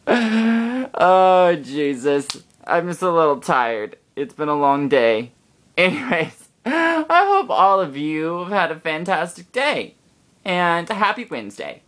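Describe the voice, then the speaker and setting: A young woman vlogs into her phone, retelling a long day in a casual, exasperated way. Her voice sits fairly low, but it swings widely up and down as she animates the story, and she swears without a second thought. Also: big pitch swings, slow pace. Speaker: vlogger. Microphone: phone camera.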